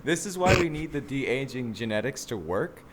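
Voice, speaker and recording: A man's voice: medium pitch, sing-song, normal speed, noisy background. A young man co-hosting a podcast in casual chat, rambling with lots of fillers and frequent laughter. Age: young adult. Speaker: podcast co-host.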